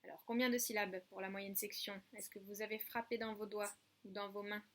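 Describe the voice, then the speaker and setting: A woman with a French accent, teaching young children at home by video, speaking slowly and clearly and drawing out numbers and syllables. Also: mid-range voice, flat delivery, a bit bright. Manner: slow, clear, drawn-out counting and syllable spelling. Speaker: preschool teacher.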